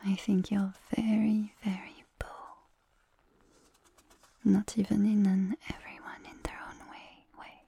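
A woman voicing a gentle, doting massage attendant in an ASMR roleplay, talking in a soft breathy whisper and slipping in French endearments. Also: mid-range voice, level tone, takes it slowly, full character voice. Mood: soothing.

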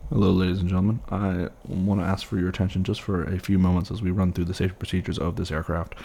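A man's voice: deep voice, little pitch movement, quick pace, vocal fry, warm tone, a little hiss or hum. A man playing an airline pilot, giving a formal, practised flight attendant style announcement to passengers. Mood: formal, courteous. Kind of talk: scripted airline cabin announcement.

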